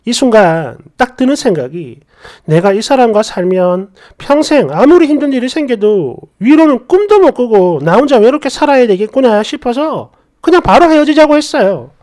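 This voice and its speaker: A woman's voice: fairly high pitch, big pitch swings, moderate pace, warm tone. A woman reading a first-person story aloud, with an indignant, questioning tone. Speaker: story narrator.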